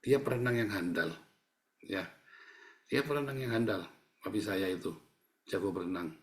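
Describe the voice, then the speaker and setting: A male pastor delivering a sermon, swinging from loud acted-out cries to soft, quiet asides. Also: sits low, moderate pace. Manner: animated preaching, swings between loud and soft, acts out cries. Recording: echoey church hall.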